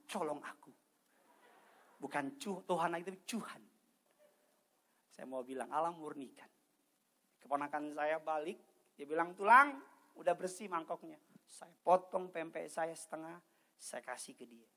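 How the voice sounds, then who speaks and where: A middle-aged male pastor preaching a lively, joking sermon, acting out dialogue in loud high bursts.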